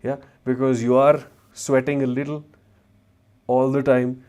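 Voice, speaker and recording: A travel vlogger and former chemistry teacher with a north Indian accent hosts a livestream on a wireless mic, casually answering viewers' questions and slipping between English and Hindi slang. His medium-pitched voice is clear and resonant, darkish in tone, a little slow, with little pitch movement.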